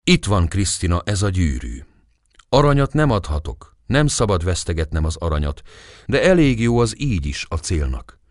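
A man's voice: low voice, big pitch swings, no echo, studio quality. A man voicing a serious, earnest young man in love in an audiobook, speaking solemnly.

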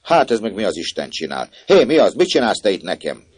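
A man voicing a coarse peasant servant woman who curses and scolds loudly. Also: breathy edge, dry recording. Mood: furious. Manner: shrill scolding, cursing.

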